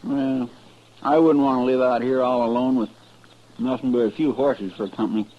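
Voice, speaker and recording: An actor playing a folksy, plaintive young cowboy sidekick with a rural Western American drawl, in the style of an old-time radio western. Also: male voice, medium pitch, fairly even intonation, moderate pace, close to an everyday voice. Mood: folksy, chatty. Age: young adult. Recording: dull vintage AM radio recording.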